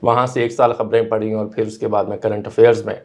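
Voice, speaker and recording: A Pakistani man, a radio and TV news anchor appearing as a guest, answers interview questions conversationally. His gravelly voice is fairly low, level and darkish in tone. He is earnest and explanatory, mixing in English phrases.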